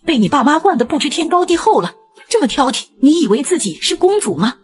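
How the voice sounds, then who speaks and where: A woman's voice: big pitch swings, fast talker. A woman voicing a mean, scolding grandmother in her sixties who favors her grandson. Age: 60s. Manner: shrill and scolding.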